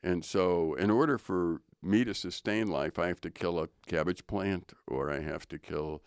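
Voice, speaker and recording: His voice is very low and deep, with a clear, resonant tone. An older man co-hosting a casual studio podcast, he contemplates faith at a leisurely pace and drifts slightly into preaching, all captured in dry, close audio without room echo.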